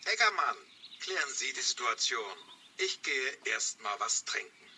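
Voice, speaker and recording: A man's voice: mid-range voice, big pitch swings, a little slow, sharp tone, slight background noise, full character voice. An actor playing a vain, forgetful, womanizing poet who keeps mixing up names and brushing off complaints. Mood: evasive. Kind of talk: radio play for language learners.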